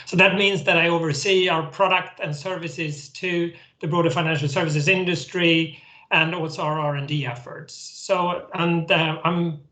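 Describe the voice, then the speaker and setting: Swedish man with a bright, roomy sound. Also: fairly high pitch, fairly even intonation, moderate pace. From Sweden. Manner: earnest, with restarts and repeated words. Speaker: guest executive. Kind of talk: explaining on a webinar.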